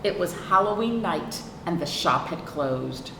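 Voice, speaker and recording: The librarian leading this children's storytime reads a picture book unhurriedly, with animated shifts in pitch, expressively and with questions for her small listeners. Her voice is caught from afar in a roomy space, with clear background noise behind it.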